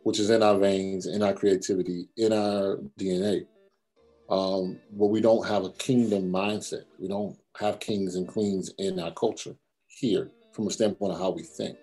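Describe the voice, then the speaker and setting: A man as an interview guest, speaking reflectively with a husky voice and drawn-out phrasing. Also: deep voice, flat delivery, warm tone, soft background music. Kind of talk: casual interview chat.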